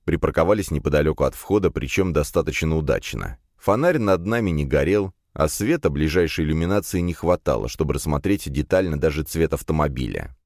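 Man, audiobook narrator, deep voice, animated delivery, dry close-mic studio. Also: a little fast, hardly any pauses, no room sound. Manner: lively storytelling with acted dialogue. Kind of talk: scripted first-person narration.

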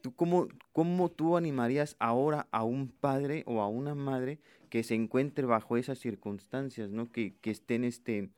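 A man's voice: mid-range voice, normal speed, hardly any pauses, a little mellow, clean tone, no room sound. A man hosts a radio interview, his questions long and rambling. He sounds close to the mic in a dry, deadened space.

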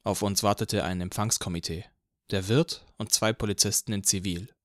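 A man narrating an audiobook in the first person with an even, measured reading from a close studio mic. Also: fairly low pitch, no room sound.

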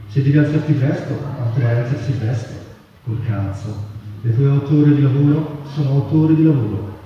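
At a public festival, a man with a medium-pitched, dark voice reads literature aloud in a large, echoey venue. The recording sounds dull and distant, with heavy echo and background noise.

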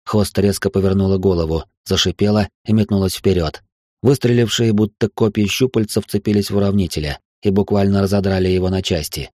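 A man reading a dark fantasy audiobook in steady scripted narration, voicing the first-person hero. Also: low-pitched, fairly quick, no echo, clean studio sound.

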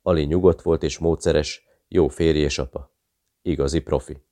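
A man's voice: rumbling low, steady tone, mellow, no echo. A man steadily narrating a thriller audiobook.

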